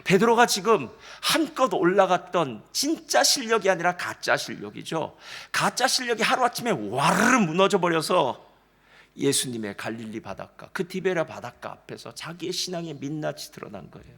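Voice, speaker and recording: 주일 예배에서 설교하는 남성 담임목사로, 인용 대사를 연기하듯 이야기하며 회중에게 직접 말을 건넨다. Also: male voice, a little high, normal speed, husky. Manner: animated storytelling, acts out quoted dialogue; addresses congregation directly, frequent "예" fillers. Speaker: senior pastor. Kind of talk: sermon.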